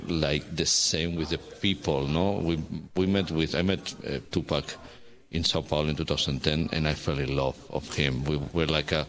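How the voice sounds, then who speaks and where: Very deep-voiced Spanish-accented man. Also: fairly even intonation, a bit bright. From Spain. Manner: halting, searching for words. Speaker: guest artist, dancer. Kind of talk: casual interview talk.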